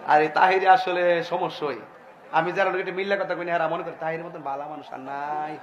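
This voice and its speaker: A man's voice: on the high side, steady tone, a little fast, lo-fi sound, noisy background. A man preaching a humorous sermon in a chatty, joking way, often laughing as he talks. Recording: live event with loud crowd.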